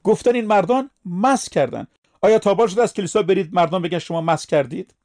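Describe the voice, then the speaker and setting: A man's voice: high-pitched, lively intonation, a little mellow. A man preaching a sermon, speaking emphatically and putting questions to his listeners.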